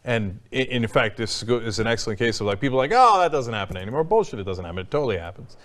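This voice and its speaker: A man's voice: medium pitch, animated, racing, fairly bright tone. A man hosting a casual talk show, giving blunt opinions, swearing freely, with lots of fillers and restarts. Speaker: host.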